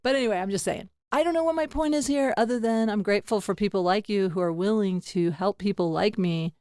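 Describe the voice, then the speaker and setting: A woman's voice: medium pitch, fast, darkish tone, no room sound. A middle-aged woman hosting a podcast, talking frankly and rambling, often laughing at herself. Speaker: podcast host. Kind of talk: candid casual interview chat.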